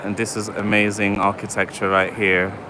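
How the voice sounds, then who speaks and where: This vlogger has a fairly low voice, a level tone and a moderate pace as he livestreams a walk through city streets at night. Chatty and wry, he talks to his live chat through a handheld phone or camera mic. Loud traffic and street ambience fill the background.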